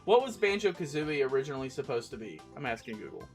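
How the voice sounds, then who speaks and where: A woman's voice: very deep voice, sing-song, fast talker, a little mellow. A woman casually commenting on a game as she plays, chatty and self-mocking. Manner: chatty, laughs at herself. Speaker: let's play host. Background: faint game music.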